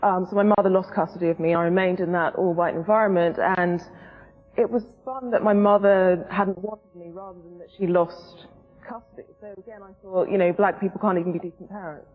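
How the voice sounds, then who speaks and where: A woman in her forties from England, a guest in a studio debate, telling her story in an earnest, measured way with frequent ums. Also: on the low side, steady tone, slightly rough, big-room sound, phone-quality sound, soft background music.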